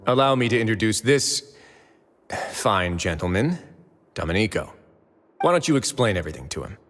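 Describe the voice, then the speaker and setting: Suave prison authority, fairly low and quietly threatening, video game dialogue in a reverberant space. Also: male voice, very animated, moderate pace. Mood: politely menacing. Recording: reverberant room, background noise, clicks.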